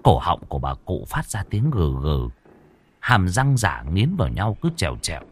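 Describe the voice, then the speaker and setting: A man narrating a horror story in a measured, dramatic way. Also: deep voice, wildly swooping pitch, husky.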